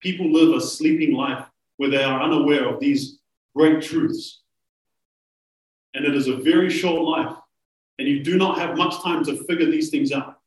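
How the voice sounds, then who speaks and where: A man preaching a sermon, earnest and emphatic, slowing down to stress key phrases. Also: a little high. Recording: roomy, from a distance.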